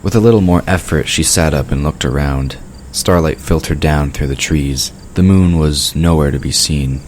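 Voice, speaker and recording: A very deep-voiced man delivers third-person narration for a fantasy audio drama from a script at a moderate speed. The recording carries a clear backdrop of night crickets.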